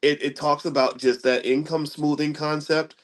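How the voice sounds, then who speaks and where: A man's voice: fairly high pitch, little pitch movement, moderate pace. A middle-aged man, casually explaining money ideas in a rambling style and often checking in with "right?". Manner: conversational, rambling with restarts, asks listeners "right?". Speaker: commentator on economics. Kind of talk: casual lecture-style talk.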